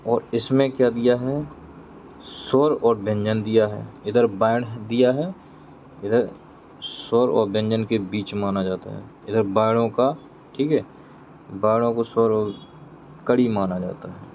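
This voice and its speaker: A man's voice: lowish voice, steady tone, a little slow. A man teaching an exam-prep grammar lesson. He repeats every question before he answers it himself, and he checks in with his students as he goes. The recording is dull and lo-fi, with faint traffic noise behind him. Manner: explains step by step, checking in with "theek hai".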